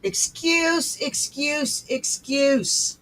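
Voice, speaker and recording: A woman giving blunt commentary on a video, her sarcastic remarks landing slowly and deliberately. Her voice has a bright, cutting edge. She sounds openly scornful of the person on screen. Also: high voice, fairly even intonation, rough recording. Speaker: commentator reacting to clips.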